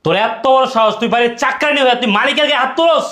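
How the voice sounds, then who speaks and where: A man's voice: very high-pitched, rapid-fire, pushed and bright, reverberant. A man playing a stern, domineering rich husband with a harsh, commanding delivery. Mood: angry. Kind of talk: social media skit acting.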